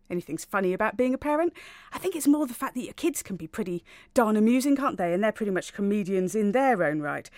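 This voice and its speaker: A woman's voice: fairly high pitch, a little mellow, no echo. A woman hosting a radio show from a studio, chatty, frank and playful as she gives advice. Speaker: radio presenter.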